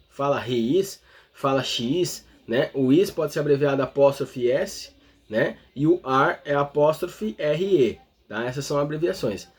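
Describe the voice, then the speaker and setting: Brazilian guy teaching english online, kinda high voice, a bit husky, keeps checking in with "right?". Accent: Brazilian Portuguese. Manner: explains step by step, constantly checking in with the listener. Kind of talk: explanatory online lesson.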